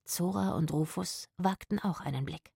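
Low-voiced woman reading a children's story. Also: normal speed, gravelly, husky, dry recording, studio quality. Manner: expressive storytelling. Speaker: audiobook narrator. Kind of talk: scripted storybook narration.

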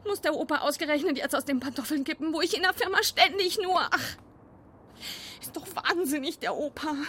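An actress playing an irritable woman muttering sarcastic rants to herself as she clears out a house. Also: sits high, brisk, sharp tone, slight background noise. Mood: grumbling. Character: irritable woman sorting an inherited house, grumbling.

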